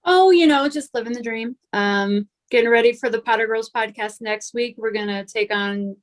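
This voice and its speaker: A woman's voice: on the high side, moderate pace. A woman who hosts her own podcast, guesting and chatting breezily on a video call.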